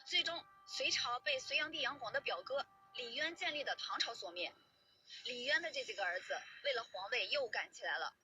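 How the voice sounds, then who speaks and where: High, very bright, raspy woman narrator. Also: lively intonation, fairly quick, faint music behind, poor audio. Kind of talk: scripted history narration.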